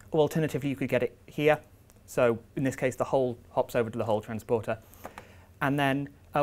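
A young visiting researcher gives an academic seminar in a lecture room, explaining things step by step with frequent ums and uhs. His voice is medium-pitched with a darkish tone.

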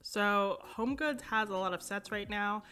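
A young woman talks through a home decor shopping trip in a relaxed, chatty way. Her tone is bright and forward, and it comes across clearly as she chats. She peppers her talk with fillers and quick asides. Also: mid-range voice, soft background music. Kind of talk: casual shop-with-me voice-over.

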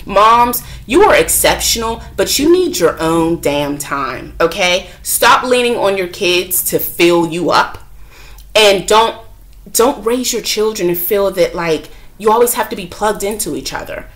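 A woman talking frankly to camera as a vlogger and mother, chatty and expressive, sometimes acting out what others said. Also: mid-range voice, a little slow. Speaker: self-help vlogger and mother. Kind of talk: candid talk to camera.

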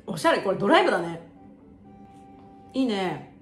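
A woman in her twenties chatting casually and excitedly in slangy speech while sharing songs. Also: mid-range voice, moderate pace, reverberant, soft background music. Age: 20s. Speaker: YouTuber.

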